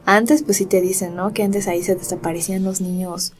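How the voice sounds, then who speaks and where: A woman's voice: mid-range voice, steady tone, fairly quick. A young woman with a Mexican accent chatting on a podcast, animatedly retelling a creepy story in reported speech. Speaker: podcast co-host. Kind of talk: casual storytelling chat.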